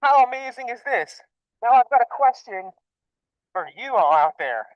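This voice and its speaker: Excited man presenting while scuba diving. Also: extremely high pitch, normal speed, dry recording, highs cut off. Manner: excited, stoked, asks viewers questions. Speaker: park scuba diver. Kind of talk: live underwater program presenting. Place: underwater in a lake, diving.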